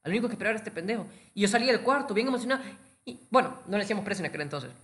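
A man's voice: high voice, lively intonation, rapid-fire, a bit bright. A young man, joking in slangy banter as podcast co-host. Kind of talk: casual banter.

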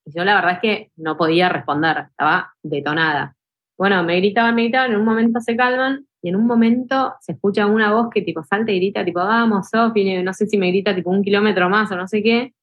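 A young adult woman from Argentina with a Rioplatense accent speaks as a podcast guest. She tells stories in a casual, emotional way, filling her talk with "tipo" and "este", at a middle pitch. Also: quick pace, highs cut off. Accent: Rioplatense Spanish. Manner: animated, emotional, full of fillers like "tipo" and "este". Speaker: ultra trail runner guest.

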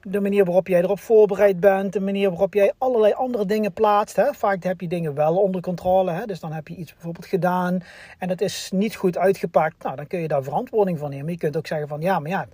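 A man's voice: sits high, fairly even intonation, fast talker, dark tone, slightly rough, dry recording. A man hosting a personal development podcast, talking earnestly with many restarts and fillers. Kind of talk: motivational podcast monologue.

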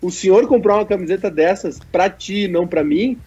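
A man's voice: high voice, a little fast, dark tone, highs cut off. A man, co-hosting a casual sports chat and reading viewer messages in a joking way. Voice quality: nasal. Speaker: co-host.

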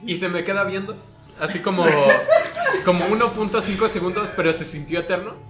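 A man with a Mexican Spanish accent, joking and telling animated stories as a podcast co-host. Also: high voice, normal speed. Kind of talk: casual chat among friends. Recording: echoey room with music behind.

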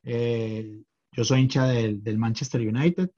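Middle-aged man, podcast guest, halting delivery, lo-fi recording. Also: medium pitch, steady tone, mellow. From Colombia. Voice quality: hesitant, many fillers and restarts. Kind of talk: casual chat.

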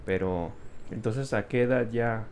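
A man's voice: lowish voice, a little slow, a little mellow, slight background noise. A man asking questions in a casual conversation, thinking aloud in fragments as he goes. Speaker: interviewer.

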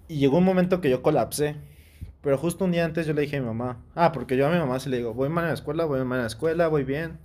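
A young man with a Mexican accent, telling an animated, slangy story in casual chat. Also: on the high side.

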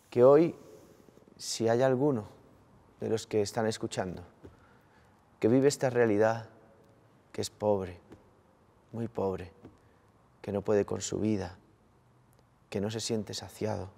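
A man, a priest from Colombia, giving an earnest, slow-paced Sunday sermon and addressing his listeners as brothers. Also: mid-range voice, warm tone, big-room sound.

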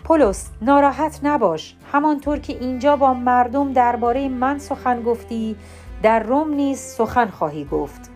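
A woman reading the Lord, gentle and comforting. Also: on the high side, animated, faint music behind, lightly acted. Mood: reassuring. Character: the Lord, a comforting divine male presence.

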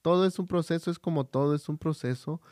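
A man's voice: a little high, fast talker, a little mellow, dry recording, clean studio sound. Man chatting with many fillers. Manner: hesitant, full of fillers and restarts; tells personal stories. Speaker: podcast co-host. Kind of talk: casual chat.

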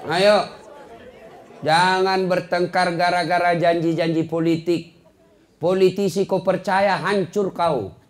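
A man's voice: high-pitched, steady tone, slow pace, a faint crowd. A man preaching a humorous sermon to a congregation, joking and scolding in turn, from Sulawesi. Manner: joking, scolding, mocks boastful people in put-on voices.

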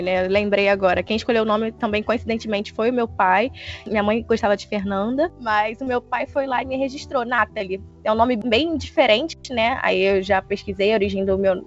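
A woman in casual chat, reflective and earnest. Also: medium pitch. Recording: dull lo-fi sound with faint music.

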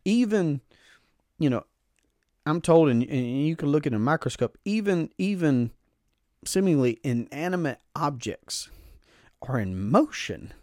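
A man's voice: fairly high pitch, big pitch swings, measured pace, long pauses, a little mellow, no room sound, studio quality. A man giving an emphatic, explanatory talk about personal finance, repeating phrases for stress and restarting his sentences. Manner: frequent self-restarts, casual asides. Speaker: finance educator.

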